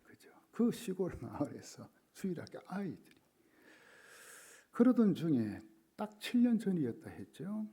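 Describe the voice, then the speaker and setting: Male pastor, sermon storyteller; gravelly, husky, swings between full voice and whispers. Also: medium pitch, mellow. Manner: dramatic storytelling, often dropping to a whisper.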